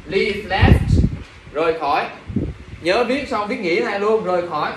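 Young male English teacher, high voice, quizzing the class, echoey room, mic well across it. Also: moderate pace, recorded from a distance, noisy background. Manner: drills pronunciation, quizzes students, exasperated asides. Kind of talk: classroom English vocabulary lesson.

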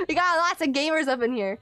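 A woman's voice: very high-pitched, fairly bright tone, dry recording. A young woman live streamer chatting casually with viewers in a playful, giggly, exclamatory way, close on the mic. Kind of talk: casual livestream chat with viewers. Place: small room at home, indoors.

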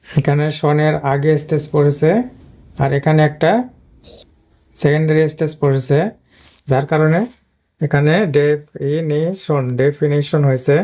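Flat, mellow male teacher. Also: fairly high pitch, moderate pace, pauses often. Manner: patient, repetitive explaining with frequent "but" fillers. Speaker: English pronunciation teacher. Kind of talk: screen-based video lesson.

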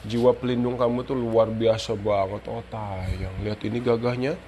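A man's voice: fairly low pitch, normal speed. Cooing man on a pet live stream. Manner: switches between cooing baby talk to his dogs and chatty asides to viewers. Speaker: dog owner and live stream host. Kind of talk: casual live stream chat. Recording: live stream with steady background noise.

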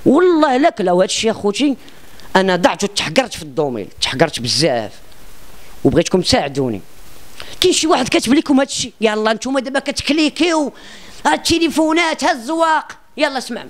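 A man's voice: high-pitched, big pitch swings, very fast. A man with a Moroccan accent being interviewed about his singing, talking in a boastful and rambling way and often restarting his words. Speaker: self-described singer being interviewed. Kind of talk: casual interview talk.

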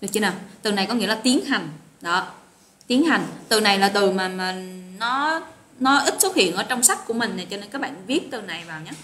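A woman's voice: mid-range voice, animated, fairly quick, fairly bright tone. A woman teaching an English vocabulary lesson online, chatty and encouraging, greeting students by name. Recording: roomy echo with faint noise.

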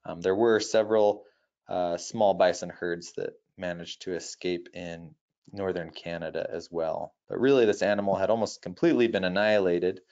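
Deep-voiced man giving a nature documentary-style talk. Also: fairly even intonation, darkish tone, muffled recording. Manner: measured, informative, with halting self-corrections. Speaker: wildlife presenter giving a nature lecture.

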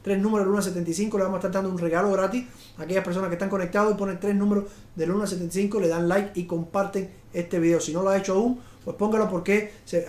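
Middle-aged male host, high voice, rambling upbeat salesman, echoey studio. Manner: rambling, restarts and fillers, upbeat sales pitch. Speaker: realtor and show host. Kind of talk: live video talk on home finance. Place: studio in front of a slide screen.

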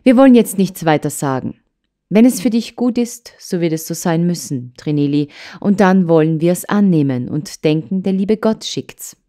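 A woman voicing a kind, earnest old grandmother in an audiobook, admonishing gently and soothingly. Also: fairly low pitch, expressive, moderate pace, natural voice. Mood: gentle. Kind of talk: audiobook character voice.

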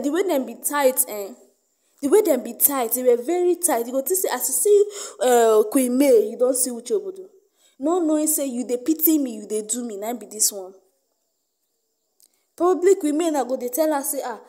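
High, mellow-voiced Nigerian woman commenting on gossip. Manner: emphatic, repetitive, mixing Nigerian Pidgin.

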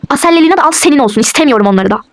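Defiant young wife played by a woman for a toy role-play: high voice, very quick, dismissive retorts. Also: expressive.

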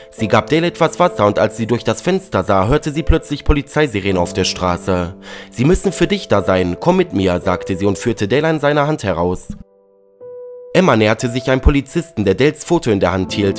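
A man narrating a dramatic story in a lively reading tone. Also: lowish voice, a little fast. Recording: faint background music.

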